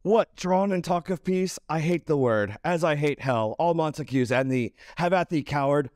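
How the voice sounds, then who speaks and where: A man's voice: fairly high pitch, expressive, normal speed, a little mellow, no echo, clean studio sound, lightly acted. A man reading the part of Tybalt, a hot-tempered young man spoiling for a fight, in an amateur stage scene. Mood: defiant.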